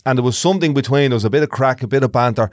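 A man's voice: mid-range voice, racing, no echo, studio quality. An Irish-accented man talking casually and reflectively as co-host of a podcast.

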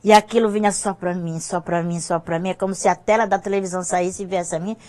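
A woman's voice: on the low side, steady tone, fast, a little mellow. An older woman giving an emotional personal testimony as a guest on a church talk show. She often repeats herself, and her voice rises when she is moved.

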